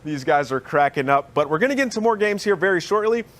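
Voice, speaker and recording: A man giving energetic play-by-play commentary on a game broadcast. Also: a little high, fast. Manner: energetic, storytelling. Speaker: esports caster.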